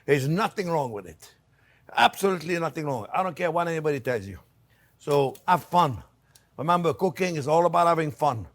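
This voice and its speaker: A man's voice: a little high, animated, brisk. A man hosting a cooking demonstration, talking casually and playfully to viewers as friends, with exuberant, repeated catchphrases. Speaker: chef hosting a cooking channel.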